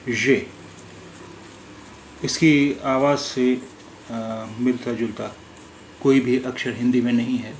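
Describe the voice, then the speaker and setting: A man gives a recorded language lesson at a middle pitch, sounding out each word slowly and repeating it several times. He pauses and hesitates often as he explains. A faint hiss of noise sits under his voice. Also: steady tone, darkish tone. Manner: slow, careful pronunciation drills with many hesitations. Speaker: language teacher.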